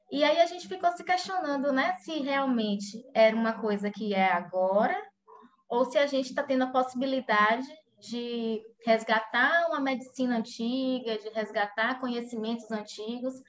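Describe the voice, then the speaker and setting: A woman from Salvador, explaining her topic in a casual online presentation, full of fillers and restarts. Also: fairly high pitch. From Salvador, Brazil. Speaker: physiotherapist presenter.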